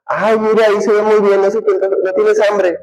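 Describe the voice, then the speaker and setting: A man's voice: high-pitched, flat delivery, moderate pace, darkish tone, pitched above the performer's own voice, poor audio. A coy woman dropping sing-song hints about what she wants, as a male teacher puts her on. The voice lifts well above his own and rises in level. She never asks outright and only suggests. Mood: coy hinting.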